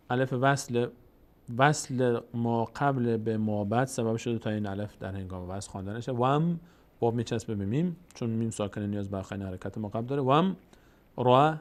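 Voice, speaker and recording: A man with a Tajik-influenced Persian accent teaching Quran recitation, explaining the rules quickly and then drawing out the example words slowly. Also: medium pitch. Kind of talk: tajweed lesson with slow recited examples.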